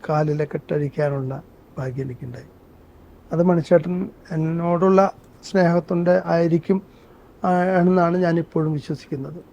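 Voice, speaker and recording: A man's voice: on the high side, fairly even intonation, normal speed, long pauses, mellow. A man, a guest telling stories in an interview. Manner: earnest storytelling, breaks into song. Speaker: interview guest, actor and singer. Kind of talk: conversational interview with sung excerpts. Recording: dull muffled sound.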